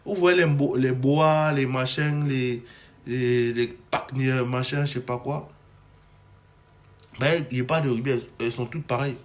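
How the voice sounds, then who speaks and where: A man's voice: medium pitch, fairly even intonation, moderate pace, a little hiss or hum. A young adult man from Cameroon delivering an agitated, ranting monologue to camera, full of restarts. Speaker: comedy video maker.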